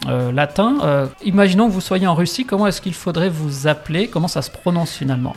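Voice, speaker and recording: A male radio host with a slightly high voice who keeps things light and jokey. He laughs often and trips over his words, with faint music playing under the studio talk. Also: lively intonation, brisk, a little mellow. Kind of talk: casual radio chat.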